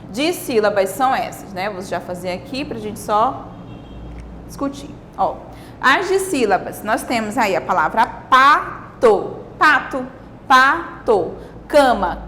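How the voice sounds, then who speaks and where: A woman's voice: a little high, slight background noise. A Brazilian woman teaching a grammar video lesson to young children, patiently drawing out example words and checking in with "né?" and "tá?". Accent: Brazilian Portuguese. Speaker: primary school teacher.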